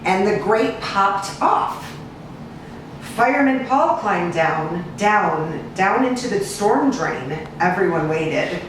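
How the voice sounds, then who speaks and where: An American woman with a medium-pitched voice reads a children's book aloud in a lively sing-song, stretching out repeated lists; she is an animal cruelty investigator and rescue agent reading to kids. The mic is far from her in an echoey indoor room, leaving a distant, very reverberant recording with hiss.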